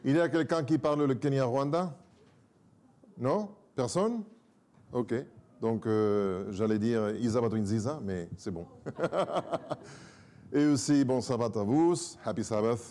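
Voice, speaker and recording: A man's voice: mid-range voice, unhurried, long pauses. A man, a native Spanish speaker, giving a church talk as guest preacher in a joking, self-mocking way. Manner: joking, self-mocking, lively, moves a lot.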